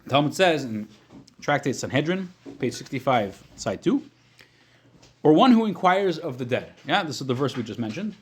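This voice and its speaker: A man teaching an informal religious class as a rabbi, reading texts and explaining them step by step, often rephrasing as he goes, in a slightly husky voice. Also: on the high side, sing-song. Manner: explanatory, repeats and rephrases points, halting at times.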